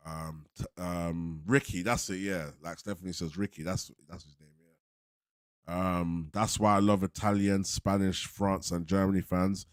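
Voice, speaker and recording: This football fan channel host from London talks to his livestream viewers in a relaxed, slangy roadman accent full of multicultural urban slang, often repeating himself. His voice is low-pitched and slightly mellow, recorded with studio quality and no echo.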